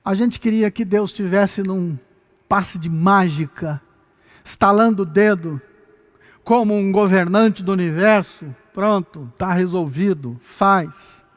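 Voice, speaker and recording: Impassioned high-voiced male preacher. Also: slow pace. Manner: swells from soft, grave passages to loud, impassioned preaching. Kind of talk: sermon.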